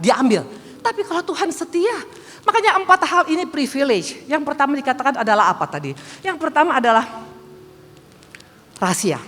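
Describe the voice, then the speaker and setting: A woman in her fifties preaching an animated sermon with testimony, often asking the congregation to agree, swinging from quiet storytelling to loud exclamations. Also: medium pitch. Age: 50s. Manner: asks the congregation "betul?" often. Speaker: evangelist preacher. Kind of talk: Pentecostal-style sermon with testimony. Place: church hall. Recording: reverberant church hall.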